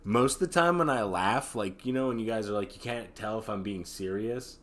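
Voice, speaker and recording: A man's voice: fairly low pitch, normal speed. A man co-hosting a casual post-show podcast chat, laughing often, swearing and slipping into mock-angry quoted voices. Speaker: podcast co-host.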